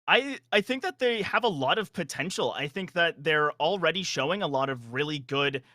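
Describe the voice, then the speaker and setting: A young man casting an esports match live, talking in a quick, analytical flow that often restarts itself mid-phrase. His voice is very bright and sharp, sitting a little high for a man. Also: dry recording. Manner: energetic analytical play-by-play, frequent restarts. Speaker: esports color commentator. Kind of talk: live game commentary.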